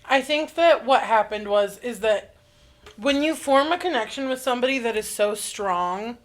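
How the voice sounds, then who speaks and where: Woman, 20s, from Indiana, podcast co-host. Fairly high voice, candid and chatty. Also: moderate pace. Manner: candid, speeds up when excited. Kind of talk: casual chat.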